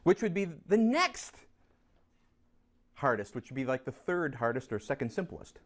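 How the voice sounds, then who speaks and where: In a chemistry class, a man runs through review problems, teasing his students and coaxing them to answer in a lively way. His voice sits at a medium pitch and he speaks at a moderate pace.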